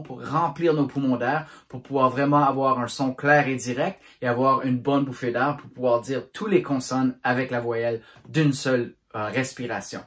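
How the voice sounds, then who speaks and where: A man teaching children a voice warm-up, articulating syllables clearly and encouraging them. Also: medium pitch. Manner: clear, deliberate articulation, chanting syllables in drills; encouraging and instructive. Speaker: drama teacher.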